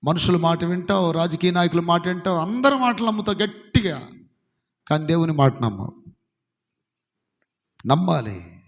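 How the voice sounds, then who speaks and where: A man with a Telugu accent preaching a sermon, repeating his phrases, swelling to shouts and then dropping low. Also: animated, moderate pace, long pauses. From India. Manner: impassioned, repetitive preaching with rising shouts and sudden drops. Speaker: pastor. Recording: dull lo-fi recording in a long-reverb hall.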